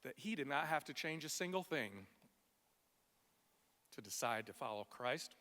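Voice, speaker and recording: A man delivering a prepared funeral eulogy for a friend, tender and measured, in short phrases with weighted pauses. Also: mid-range voice, animated, sharp tone. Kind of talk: prepared memorial speech. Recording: long echoing reverb of a hall.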